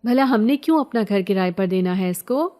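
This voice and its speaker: A woman's voice: mid-range voice, animated, dark tone, natural voice. A woman voicing a scared but headstrong young village girl, pleading and defiant by turns. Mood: agitated.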